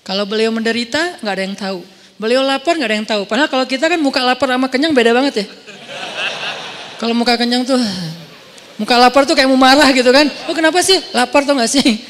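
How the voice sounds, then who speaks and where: Man, high voice, casual animated sermon, playful storytelling, long mosque reverb. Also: fast. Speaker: preacher. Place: large mosque hall.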